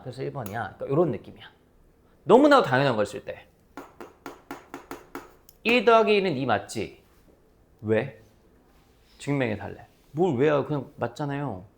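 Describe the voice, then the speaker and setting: A man teaching math to a class, explaining with playful stories and acting out his students' voices. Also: a little high. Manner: lively, playful storytelling with acted-out student voices. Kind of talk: classroom lecture.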